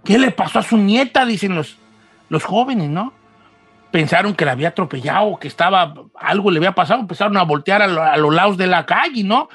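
A man's voice: a little fast, husky, no echo, faint music behind. A man telling a ghost story, acting out the dialogue with many restarts. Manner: lively, acts out dialogue in raised pitch, many restarts.

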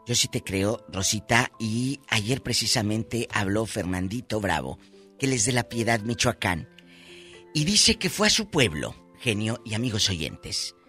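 Bright, emotive man co-hosting on radio. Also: lowish voice, animated, a little slow, soft background music. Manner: emotive, exclamatory storytelling. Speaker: radio co-host. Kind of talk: call-in radio chat.

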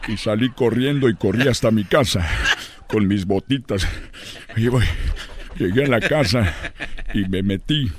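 A man telling a comic story in an animated way, often laughing as he talks. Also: fairly low pitch, unhurried, slight background noise.

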